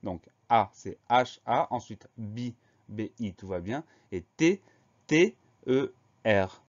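A man's voice: mid-range voice, lively intonation, takes it slowly, lo-fi sound. A man teaching a spelling lesson, patiently spelling out each word letter by letter.

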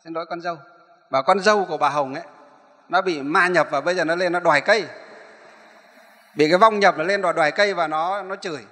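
Brief: high, bright monk telling a sermon story, rambling, hall echo. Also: male voice, quick pace, long pauses. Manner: rambling, repeats and corrects himself. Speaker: Buddhist monk, abbot. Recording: echoey hall.

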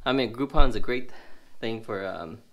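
A man with a medium-pitched voice at normal speed, stuffy and sniffly, casually unboxes a gadget at an indoor table. The tech reviewer rambles and fills pauses constantly, thinking aloud as he handles the box.

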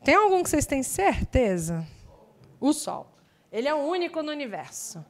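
A woman teaching English in a live online exam-prep class, explaining in a chatty way with lively asides. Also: sits high, normal speed. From Brazil.

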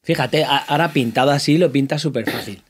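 A man's voice: mid-range voice, a little fast, husky. A man hosting a casual interview, chatting along with short agreeing remarks. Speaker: interview host.

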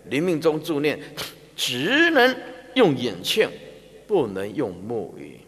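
A man, a Buddhist monk giving a slow, emphatic, demonstrative sermon to a large audience. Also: on the high side, wildly swooping pitch, a bit bright. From Taiwan. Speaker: Buddhist monk teaching a dharma talk. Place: large exhibition hall before a big audience. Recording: reverberant large hall.

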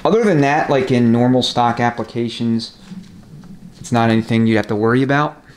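Tool clicks and noise fill an echoey indoor workshop as a transmission rebuilder gives a hands-on tutorial, talking through the mechanical job step by step. He speaks fairly quickly in a mid-range voice, casual and practical.

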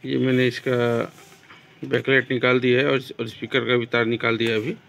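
A man with a Bihari Hindi accent calmly explaining a TV repair step by step in a small workshop, filmed on a phone. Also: mid-range voice, brisk, creaky. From India. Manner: plain, step-by-step explaining, addresses viewers as friends. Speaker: TV repair technician. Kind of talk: repair tutorial narration.

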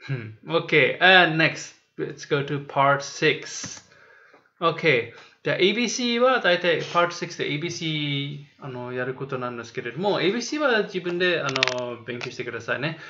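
A man teaching a review lesson to children in Japanese, saying words slowly and repeating them. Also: a little high, animated, bright, forceful tone. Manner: explains slowly in Japanese, then says and repeats English words. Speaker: English teacher. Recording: dull lo-fi recording.

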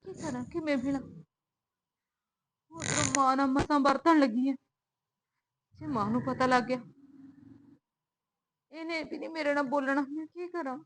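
A woman's voice: sits high, expressive, fairly quick, fairly bright tone, slight background noise, rough recording. Woman playing a tearful young daughter. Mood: anxious. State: crying.

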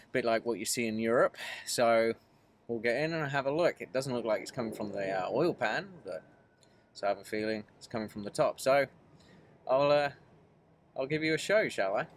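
Mechanic vlogger, man in his thirties, plain mid-pitched voice, matter-of-fact phone-camera talk. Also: fairly bright tone. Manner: matter-of-fact, explanatory, frequent "uh" fillers. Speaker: mobile mechanic. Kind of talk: casual work vlog narration. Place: van cab and outdoors at a vehicle in rain. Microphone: phone camera held at arm's length.

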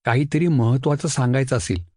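A man voicing an eager, mischievous schoolboy who talks in a bright, pleading, chatty way. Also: mid-range voice, a little fast, dry recording, clean studio sound, natural voice. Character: mischievous helpful schoolboy, eager and quick-witted.

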